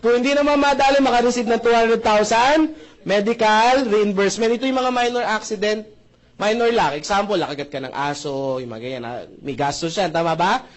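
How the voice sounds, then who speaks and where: A man's voice: sits high, a little fast. A man presenting a marketing plan at a seminar, joking with the crowd, speaking politely and often checking that listeners agree. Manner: joking, keeps asking the audience "tama ba?"; polite, addresses the crowd with "po" and "mga brother, mga sister". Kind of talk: lively seminar presentation mixing Tagalog and English.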